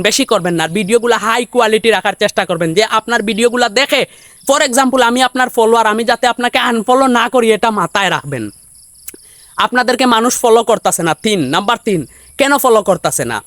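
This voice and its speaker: Young man, very high voice, dry close sound; vlogger who checks in with viewers. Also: lively intonation, a bit bright, dry recording. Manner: keeps asking viewers if they understand; says he usually talks fast. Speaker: social media tips vlogger. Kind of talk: instructional vlog to viewers.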